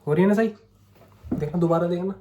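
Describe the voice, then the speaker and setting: Speaking quickly in a high voice with a dark tone, this young vlogger has a sore, coughing throat. He talks casually to the camera, coaxing his audience along and dropping "theek hai" again and again.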